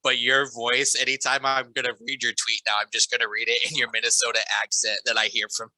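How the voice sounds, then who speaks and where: A man joining a casual podcast chat over a video call, joking and halting. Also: mid-range voice, flat delivery, sharp tone, no echo, low-quality recording.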